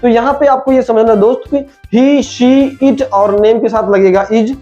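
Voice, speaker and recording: A man's voice: very high-pitched, unhurried, dark tone. A man teaching an online English grammar lesson, repeating each rule and calling the listener his friend. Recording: dull lo-fi sound with faint music.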